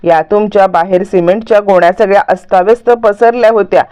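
A woman's voice: medium pitch, fast talker, warm tone, smooth, dull audio, natural voice. A woman voicing a cheeky young boy who argues back and wails for his mother in a story recap. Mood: arguing.

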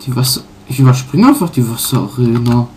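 A man casually commenting on his own playthrough, pausing often with fillers and correcting himself. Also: medium pitch, animated, darkish tone, slight background noise. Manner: halting, many fillers and self-corrections. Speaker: let's player.

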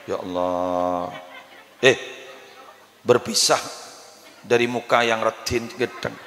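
A man preaching a comic sermon with a Madurese accent, jokey and lively, often laughing and breaking into chant, at a live religious gathering. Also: fairly low pitch, slow. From Indonesia. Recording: echoey live hall with ambience.

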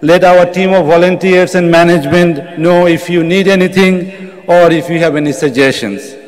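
A man's voice: high voice, fairly even intonation, moderate pace. A middle-aged man giving a formal welcome speech from a podium microphone in a large convention hall. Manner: reads a prepared address at a podium.

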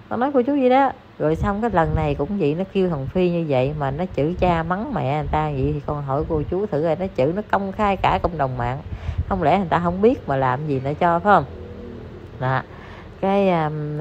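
A woman with a Southern Vietnamese accent, an online commentator, gossips and scolds in a chatty way, speaking straight to viewers she calls aunts and uncles. Her voice is low and a little mellow, on a dull lo-fi recording with faint noise.

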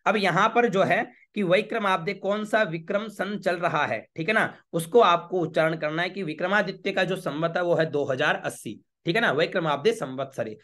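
A man, a priest teaching a home worship ritual step by step, chanting Sanskrit lines slowly and checking with the listener often. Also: high-pitched, a bit bright. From Rajasthan, India. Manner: patient, repeats checks like "okay?".

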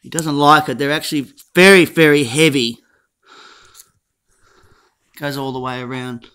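A woman talking fondly to her pet dog in a vlog, tearful and trying not to cry, in a soft, doting voice. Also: sits low, fairly even intonation, unhurried, smooth. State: tearful, holding back crying.

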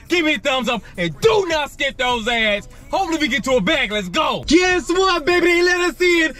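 A man's voice: very high-pitched, bright, forceful tone. A man in his thirties vlogging his gig deliveries from inside his car, hyping himself up with little rhymes and calling everyone baby. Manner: hypes rhymes, keeps saying baby. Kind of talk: casual ride-along vlog. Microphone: dash camera facing driver.

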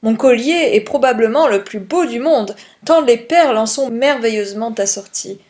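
A woman's voice: on the high side, animated, normal speed, darkish tone, lightly acted. A woman reading a gushing rich lady. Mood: boastful. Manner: effusive, boastful.

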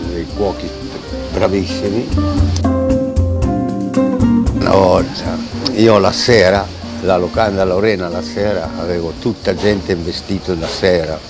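Old chef in his 80s, really deep voice, proud and slow, lapel mic outside, music under it. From Italy. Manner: proud, unhurried storytelling with repeated restarts. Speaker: restaurant owner and chef. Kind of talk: interview, reminiscing. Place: covered restaurant terrace outdoors.

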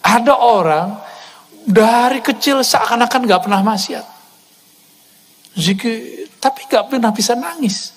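A male preacher giving a sermon to a live congregation, lively, with many rhetorical questions and casual asides. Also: very high voice, a little slow, long pauses, slight background noise.

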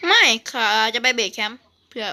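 A woman chatting casually and excitedly while playing a video game, often repeating short phrases. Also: fairly quick. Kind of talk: excited casual gaming chat. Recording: faint background noise, clicks.

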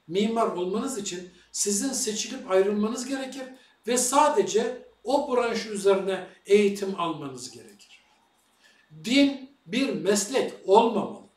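High, lively man in an echoey room. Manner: rhetorical questions addressed to viewers. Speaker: religious commentator. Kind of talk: lecture-style monologue. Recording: echoey room, far from the mic.

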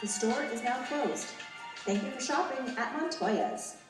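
A woman voicing a store announcer closing the shop, heard over a store loudspeaker in a formal announcing tone. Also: fairly high pitch, measured pace. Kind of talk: musical theatre performance. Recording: echoey distant, loud music behind.

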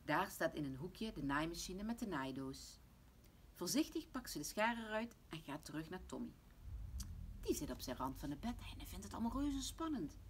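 A woman reading a children's bedtime story aloud in a gentle manner. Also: on the low side, sing-song, normal speed, slight background noise. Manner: gentle, hushed toward the end. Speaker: reader.

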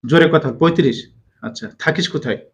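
A man working as a faith healer, sternly questioning a possessed patient, pressing for quick answers and repeating each reply back. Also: fairly high pitch. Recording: dull lo-fi recording.

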